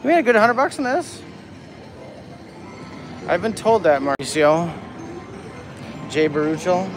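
A man's voice: high-pitched, very animated, unhurried. A man live-streaming slot play with casual, profane, teasing banter. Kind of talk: casual live-stream chat while gambling. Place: busy casino floor. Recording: loud casino music and machine din.

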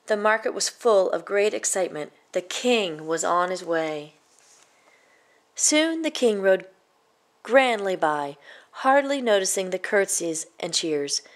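A woman storyteller reads a children's picture book aloud, measured and expressive, in a mid-range voice.

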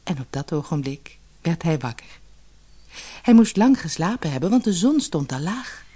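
A woman narrating a fairy tale in an expressive, measured storytelling manner. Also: lowish voice, slightly rough.

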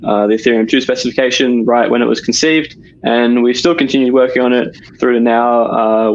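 A man from Australia with an Australian accent introducing himself as a developer on a video panel, quick and plain-spoken. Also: medium pitch, vocal fry, highs cut off. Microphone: headset on video call.

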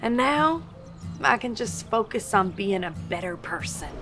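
A woman's voice: mid-range voice, expressive, unhurried, music in the background. A woman playing an earnest, spaced-out backwoods character in a comedy sketch. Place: outdoor backyard.

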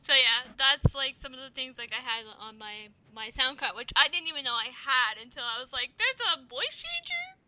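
A woman's voice: high-pitched, fairly quick, few pauses, bright, forceful tone, slight background noise. A giggly, chatty woman hosting a charity stream, talking casually over a voice call during a card game. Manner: giggly, chatty, uses a sound-card voice changer.

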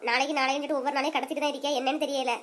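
A woman voicing a sharp-tongued, nagging middle-aged mother in a cartoon comedy, with a Kanyakumari Tamil accent and a scolding, teasing manner. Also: high-pitched, little pitch movement, rapid-fire, pitched below the performer's own voice.

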